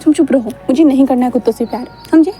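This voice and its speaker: A woman's voice: high-pitched, racing, dark tone, natural voice. A woman voicing a cheeky, spoiled young man with a playful, whiny teasing manner.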